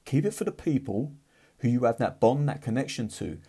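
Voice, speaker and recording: A man's voice: mid-range voice, very animated, a little fast, mellow, breathy edge. A man giving a blunt, profane motivational talk in a casual, fired-up way. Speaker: motivational vlogger.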